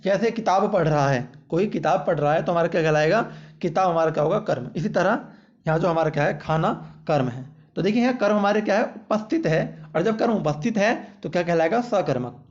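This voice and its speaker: A man's voice: high voice, expressive, a little fast, darkish tone. A man teaching exam-prep grammar, constantly repeating "ठीक है" and quizzing the listener with rhetorical questions, with playful jokey examples. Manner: jokey, uses playful baby-talk examples. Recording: dull lo-fi audio.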